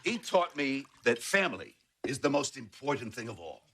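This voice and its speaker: A man's voice: mid-range voice, sing-song, moderate pace, gravelly, a bit bright, slightly rough, exaggerated voice. An older actor playing a grumpy, wisecracking husband and grandfather in a sitcom, with dry, grumbling delivery. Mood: wry. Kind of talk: sitcom acting.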